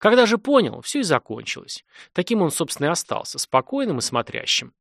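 A man reading a dark fantasy audiobook in a dramatic, swelling narration. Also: on the high side, sing-song, fairly quick, vocal fry, dry recording, clean studio sound.

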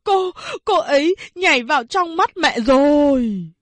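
A man's voice: very high-pitched, expressive, a little slow, a bit bright, dry recording, pitched above the performer's own voice, full character voice. A woman voicing a young man haunted by visions of his lost love, who stammers and calls out again and again. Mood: distraught. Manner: stammering, breathless repeated calls.

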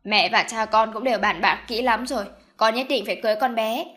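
A woman's voice: on the high side, fairly quick, a bit bright, lightly acted. Woman reading as a stubborn scheming mother. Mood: insistent. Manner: insistent, commanding. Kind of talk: audiobook character voice.

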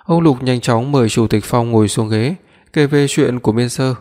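A man tells the story in a steady, even way. His voice sits at a middling pitch. A long reverb hangs behind every line. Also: normal speed. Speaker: narrator. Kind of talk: audiobook narration.

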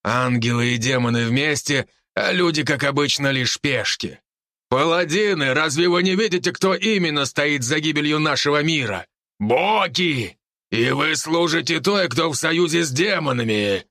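A man's voice: a little high, animated, normal speed, bright, forceful tone, no echo, clean studio sound. A man voicing a sneering wolf-beast warlord. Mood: mocking. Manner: growling, sneering, taunting. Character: scarred veteran wolf-beast warlord, mocking. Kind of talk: audiobook character voice.

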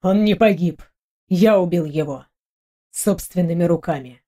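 A woman's voice: lowish voice, measured pace. A woman reading an audiobook, voicing a guilt-stricken man who speaks barely above a whisper. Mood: anguished. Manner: hushed, near whisper.

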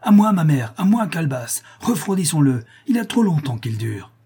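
A man's voice: mid-range voice, expressive, fairly quick, warm tone, husky. A man reading an audiobook, voicing a drunk, violent young bandit who snarls threats at his brother. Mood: furious.

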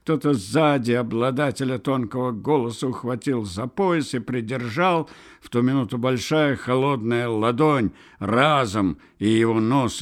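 Slow, measured male audiobook narrator. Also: medium pitch. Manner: measured, unhurried storytelling. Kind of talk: literary audiobook reading.

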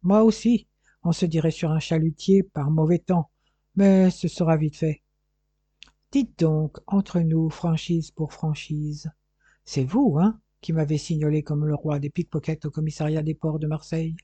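Man putting on a loud boastful English detective. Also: on the high side, steady tone, measured pace, breathy edge, dry recording.

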